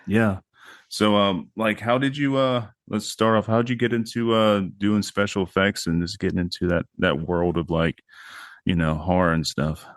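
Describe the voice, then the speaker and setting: A man with a very low voice hosts a casual horror podcast. He rambles in a relaxed way, full of fillers and the odd curse. The sound is dry and close, with no room around it. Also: moderate pace, dry recording. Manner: laid-back, rambling, swears casually, many fillers. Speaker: podcast host.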